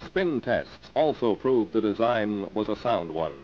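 A man's voice: lowish voice, big pitch swings, measured pace. A man giving scripted narration for an old 1950s newsreel, in a dramatic announcer delivery. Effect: old newsreel recording. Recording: dull lo-fi sound with faint hiss.

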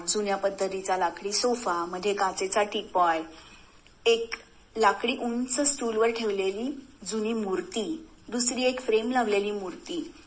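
A woman storyteller reading a thrilling story aloud in a measured, suspenseful way. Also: medium pitch.

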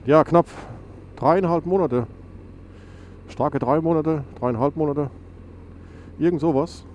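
A man's voice: fairly high pitch, slow pace, darkish tone, highs cut off. Stuffy-nosed man on a motorbike. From Germany. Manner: rambling, self-correcting, lots of fillers. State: stuffy, nasal from a cold. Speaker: motovlogger. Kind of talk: casual chat while riding. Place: outdoors on a motorcycle on a country road. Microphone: helmet mic on a motorcycle. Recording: noisy motorcycle wind and engine.

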